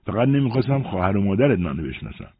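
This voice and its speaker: A man's voice: fairly low pitch, big pitch swings, husky, no room sound. A man voicing a mischievous schoolboy friend who fakes a stutter to hide who he is. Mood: sly. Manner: fakes a stutter to disguise himself. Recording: dry, phone-like narrow sound.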